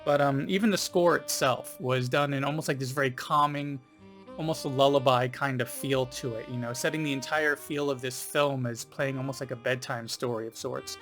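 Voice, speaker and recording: A man talks through a film review in a loose, rambling way, often pausing on ums and you-knows. His voice sits at a middle pitch. Faint music plays underneath. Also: fairly even intonation, a bit bright. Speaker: film reviewer, channel host. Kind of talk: casual spoken video review.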